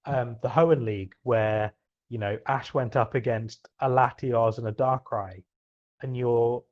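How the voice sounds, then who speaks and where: A man co-hosting a podcast chat, hesitant and full of ums but warmly enthusiastic. His mid-pitched voice comes through a slightly dull, lo-fi microphone. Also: steady tone, measured pace. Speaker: podcast co-host.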